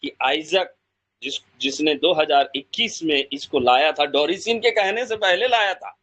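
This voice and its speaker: A man giving an emotional motivational address to a gathering, fervent and repetitive, swinging between loud bursts and slow drawn-out phrases. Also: fairly high pitch, low-quality recording. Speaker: speaker addressing Pi pioneers.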